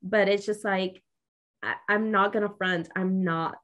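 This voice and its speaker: A young woman with a Mexican accent, co-hosting a relaxed podcast conversation. She speaks earnestly and thoughtfully at a middling pitch, with plenty of "um"s and "like"s as she works through her thoughts. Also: a little slow. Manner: earnest, reflective, many fillers. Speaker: podcast co-host. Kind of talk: casual podcast chat.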